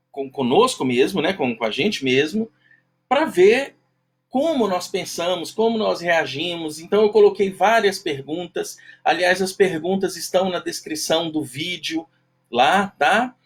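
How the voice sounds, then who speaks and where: A man's voice: sits high, animated, a little slow, slightly rough. A man with a nasal, duck-like voice hosting a live-stream class in a casual, chatty way, greeting viewers by name. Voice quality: nasal, self-described duck-like voice. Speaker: live-stream host teaching self-knowledge.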